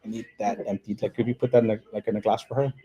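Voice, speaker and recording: A man's voice: on the low side, fairly even intonation, rapid-fire, highs cut off, crowd noise. A man hosting a casual livestream, rambling and repeating words as he reads and answers comments. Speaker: livestream host. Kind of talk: casual livestream chat reading viewer comments. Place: hotel room, indoors.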